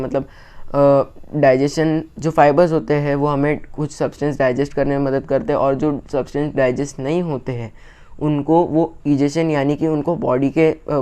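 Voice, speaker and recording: Indian man, teacher, slow careful reading, warm mellow tone, smooth clear voice. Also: medium pitch. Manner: reads English lines very slowly, then explains in quick Hindi. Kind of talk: exam revision lesson.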